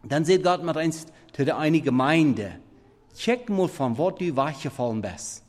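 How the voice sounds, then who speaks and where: A man preaching a sermon in halting, non-standard German, swinging between loud emphatic scripture reading and quiet murmured asides. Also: a little high, lively intonation. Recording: long reverb of a big hall.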